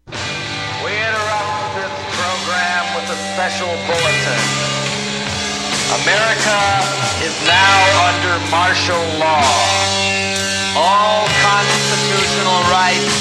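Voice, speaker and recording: A voice reading an emergency broadcast bulletin in a slow, grave, commanding official tone. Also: mid-range voice. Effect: emergency broadcast bulletin announcement. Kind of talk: ominous official announcement. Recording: echoey announcement over loud rock music. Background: loud rock guitar music.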